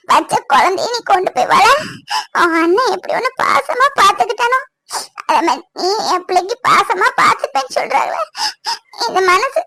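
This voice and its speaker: A woman's voice: very high voice, background noise. A woman voicing a tearful young woman in a cartoon, talking through sobs. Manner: sobbing, emotional pleading. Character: tearful young woman, grateful sister-in-law. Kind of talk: cartoon voice acting.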